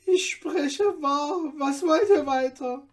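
A man voicing a frightened old male tailor in a storybook reading, high and wailing. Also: takes it slowly, distant mic. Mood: timid.

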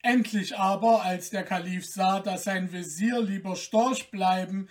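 A narrator reading a fairy tale audiobook in a slow, measured way. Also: mid-range voice, far from the mic.

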